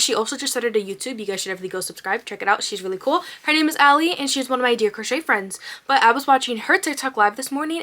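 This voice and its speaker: A young woman chatting casually to camera as a crochet vlogger, bubbly and gushing with quick bursts of excitement. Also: a little high.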